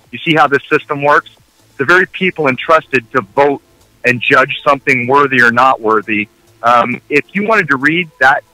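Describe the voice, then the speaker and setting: American male guest, very bright tone, dry close sound, argues steadily, asks rhetorical questions. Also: medium pitch, no room sound, rough recording. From United States. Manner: measured, argumentative, rhetorical questions. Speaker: interview guest. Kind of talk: radio interview.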